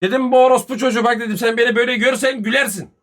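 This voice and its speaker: Man, live streamer, high-pitched, profane animated storytelling. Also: racing. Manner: profane, animated retelling with much reported speech.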